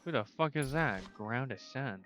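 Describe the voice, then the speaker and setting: A man streaming a video game live, chatting casually, swearing and talking straight to the game with sudden loud outbursts. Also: medium pitch, expressive, normal speed, music in the background. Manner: talks to the game, swears, bursts into loud exclamations. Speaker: livestreamer. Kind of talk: casual gaming livestream commentary.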